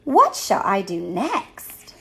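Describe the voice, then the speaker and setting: Storybook hamster girl, theatrical and vain, put on by a woman reader; swooping, lively delivery, unhurried. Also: mid-range voice, creaky, exaggerated voice. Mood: glamorous, giddy. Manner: excitable and theatrical, wailing when upset. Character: dramatic, vain young female hamster.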